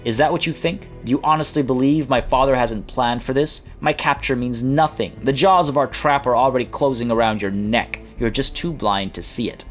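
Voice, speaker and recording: A man's voice: mid-range voice, normal speed, few pauses, lightly acted. Man voicing a haughty, sneering villainous noblewoman. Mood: sneering, menacing. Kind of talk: video game dialogue read aloud. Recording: music playing behind.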